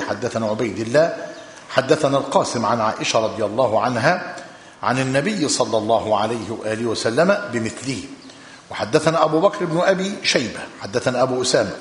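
A man with an Egyptian accent teaching a hadith lesson, reading texts aloud in a measured way and explaining them with colloquial asides. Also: mid-range voice. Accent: Egyptian Arabic. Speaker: religious teacher. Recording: echoey hall with long reverb.

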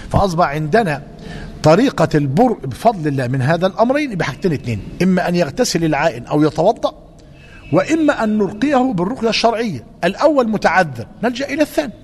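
Emphatic Egyptian preacher in a reverberant hall. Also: male voice, sits high, racing. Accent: Egyptian Arabic. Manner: animated and emphatic, repeating key phrases. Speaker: religious teacher. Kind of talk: religious lesson with Q&A. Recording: reverberant hall, faint noise.

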